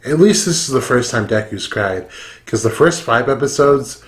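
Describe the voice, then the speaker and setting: A man's voice: mid-range voice, animated, moderate pace. A man who is drunk, giving casual reaction commentary full of swearing and slang. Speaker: YouTube reaction host.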